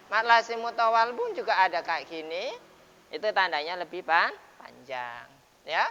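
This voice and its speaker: A man teaching recitation rules at a dawn mosque lesson, patiently explaining and then chanting the words slowly and loudly. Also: high voice. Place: mosque, after dawn prayer. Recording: dull lo-fi sound with long mosque reverb.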